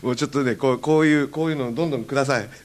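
A man's voice: medium pitch, rapid-fire. A man hosting a radio show in a casual chat, reading listener letters with frequent chuckles and fillers. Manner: chuckling, filler-heavy, trailing off softly. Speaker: radio host.

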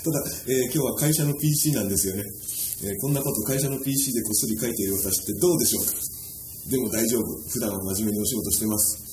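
A man's voice: medium pitch, very fast, warm tone, echoey room, a little hiss or hum, poor audio. A male radio host reading listener mail on air and adding playful asides between the lines. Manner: reads letters aloud with playful asides.

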